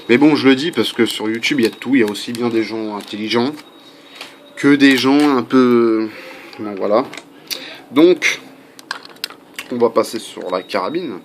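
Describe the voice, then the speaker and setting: A man giving a casual how-to video at home, chatty and full of fillers, with faint construction noise behind him. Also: on the low side. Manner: chatty, many fillers and asides. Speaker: airgun hobbyist demonstrating a part swap.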